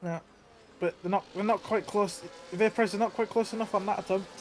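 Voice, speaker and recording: A man's voice: sits high, steady tone, a little fast. A man giving conversational analysis as co-commentator on a live esports race. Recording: noisy mic with droning buzz.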